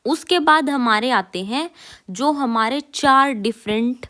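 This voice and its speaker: A woman, teaching a casual lesson and repeating each sound slowly and clearly for learners. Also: high voice, pushed and bright. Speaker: German teacher.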